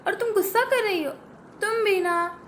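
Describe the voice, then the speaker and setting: A woman puts on a laid-back elder sister who teases gently and hatches pranks. Her voice is noticeably lower and softer than the bratty sisters, with an easy, coaxing tone. This is a homemade comic family sketch. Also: normal speed, slight background noise. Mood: amused. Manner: soft, amused, coaxing. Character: calm teasing elder sister, scheming.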